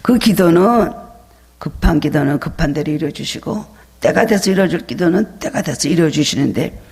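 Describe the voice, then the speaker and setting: Gravelly, husky man preaching in a reverberant church. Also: fairly high pitch, expressive, moderate pace, a little mellow. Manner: emphatic preaching, acts out a child's pleading voice. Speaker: pastor. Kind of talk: sermon. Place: church sanctuary.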